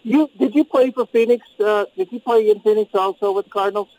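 An older man from St. Louis, in his sixties, calls in on speakerphone to a talk show. His voice sits high for a man, and he rambles along in a friendly way, full of ums and you-knows. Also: fairly quick, darkish tone, slight background noise, rough recording. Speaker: radio call-in caller. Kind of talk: casual call-in chat. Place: outdoors in a swimming pool.

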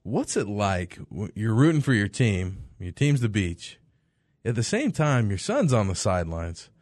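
Low-voiced male podcast host asking questions. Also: sing-song, unhurried, darkish tone, no echo, studio quality. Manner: encouraging, asks long framed questions. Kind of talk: interview questions.

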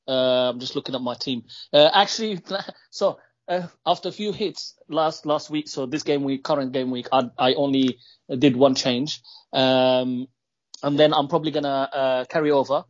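A man's voice: mid-range voice, normal speed, dry recording. A man co-hosting a casual podcast, hesitant and repeating words as he talks. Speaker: podcast co-host. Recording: dull, lo-fi dry sound.

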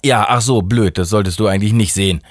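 A man's voice: on the low side, fast, dry recording, studio quality, lightly acted. A man voicing a laid-back, slangy male God who is sloppy and careless, talking casually and getting flustered.

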